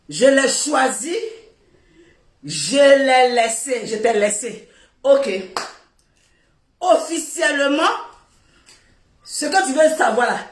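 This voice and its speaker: Brief: high-voiced woman, West African French accent, live-video rant, loud and mocking, roomy echo. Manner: loud, laughing, repetitive scolding. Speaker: social media personality. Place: seated on the floor indoors, filming herself.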